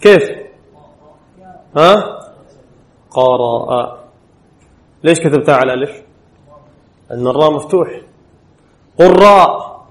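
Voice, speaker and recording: Speaking at a measured pace with frequent pauses, a medium-pitched man leads a lesson on Arabic spelling rules at an Islamic studies center classroom. He reads a rule text aloud, then explains it, often quizzing students with brief questions.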